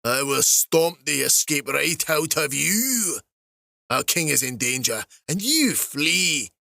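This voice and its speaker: A brutal dwarf slave master growls out slow, heavy threats, every word dragged and menacing, as a male narrator plays him. The voice sits dry and close to the mic. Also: on the high side, big pitch swings, creaky, sharp tone, no echo, voice pushed up, exaggerated voice.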